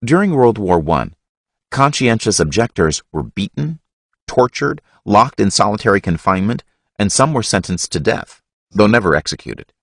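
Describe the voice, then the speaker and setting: Lively low-voiced male audiobook narrator. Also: normal speed, breathy edge, dry recording, studio quality. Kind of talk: scripted history narration.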